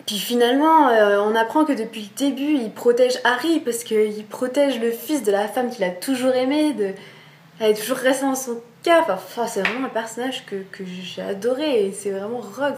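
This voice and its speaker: A woman's voice: fairly high pitch, darkish tone. A young woman chatting casually to camera as a book vlogger, enthusiastic and full of fillers and restarts. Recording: echoey room.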